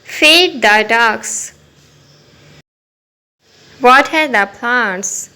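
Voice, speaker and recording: A woman teaching simple English phrases to children, saying each one slowly and clearly twice. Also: fairly high pitch, expressive, bright, forceful tone, rough recording. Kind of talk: repeating phrases for learners.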